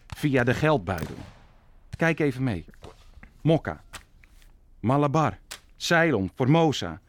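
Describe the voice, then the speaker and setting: An actor playing an ambitious, calculating prince in a historical radio play, persuasive and commanding. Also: male voice, mid-range voice, very animated, slow, a little hiss or hum. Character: scheming Dutch prince, ambitious and calculating statesman. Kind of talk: audio drama acting.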